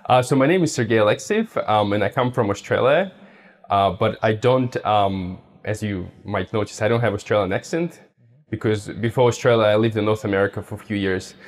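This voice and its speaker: A young Russian man with a fairly low voice answers interview questions about his treatment as a patient. He speaks casually and haltingly, often restarting as he searches for words.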